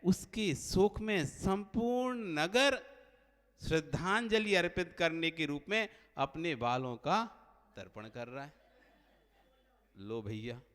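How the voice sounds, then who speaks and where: Male monk preacher, high voice, lively storytelling sermon with acted dialogue, long hall reverb. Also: smooth. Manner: animated storyteller acting out dialogue.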